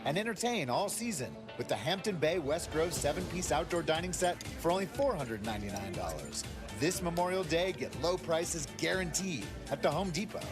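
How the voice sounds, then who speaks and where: A man's voice: on the high side, animated, normal speed. A man reading a scripted retail ad as an upbeat commercial announcer. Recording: loud music bed. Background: music.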